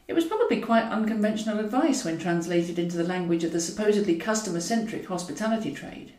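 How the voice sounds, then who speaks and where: A woman with a medium-pitched, slightly mellow voice reads scripted fiction as the narrator of her own audiobook. She has a wry, wordy way of telling the story, and the sound is roomy and echoey because she's distant from the mic.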